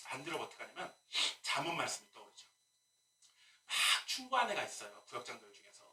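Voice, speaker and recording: A male pastor preaching a sermon in a lively way, with rhetorical questions and humorous asides. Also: mid-range voice, fast. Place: church sanctuary. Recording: echoey room, mic at a distance.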